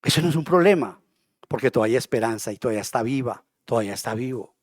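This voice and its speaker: A man preaching a sermon in a church, impassioned and moving between hushed and loud passages. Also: medium pitch, lively intonation, rapid-fire, dry recording, clean studio sound. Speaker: pastor.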